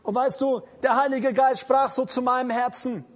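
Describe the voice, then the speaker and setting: High-voiced German-speaking preacher proclaiming. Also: male voice, fairly even intonation. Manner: proclaiming, declarative repetitions with slow emphatic commands. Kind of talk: charismatic sermon.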